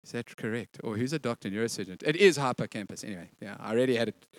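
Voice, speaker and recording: A man preaching a sermon as a pastor, animated and often laughing as he acts out what people say. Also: medium pitch, rapid-fire, no echo.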